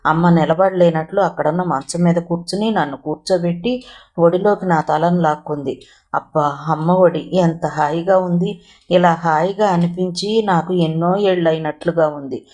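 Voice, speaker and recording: A woman reading a novel aloud in steady, expressive storytelling narration. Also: lowish voice, normal speed.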